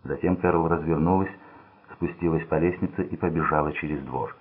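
A man narrating a thriller audiobook in a steady, measured reading voice. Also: rumbling low, husky. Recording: tinny phone-like sound.

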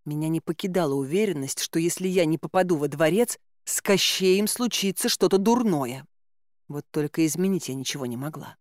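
A woman narrating a fantasy audiobook in the first person, in an expressive style with exclaimed asides. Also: sits low, a little fast, no echo, clean studio sound. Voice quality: animated, exclaiming inner monologue.

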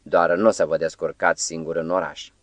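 Quiet, deep-voiced nervous gentleman, as a male narrator puts him on, smoothing things over. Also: no room sound. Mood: placating. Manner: hushed, soothing, falsely gentle. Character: cautious, placating middle-aged man, editor type.

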